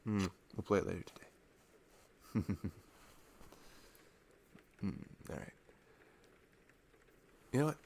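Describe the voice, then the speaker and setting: Taking it slowly and pausing often, this animated man has a fairly low, slightly mellow voice with vocal fry and a bit of background noise. He plays a boyfriend in an ASMR roleplay, rambling and ranting in intimate, informal chat with chuckles and sighs.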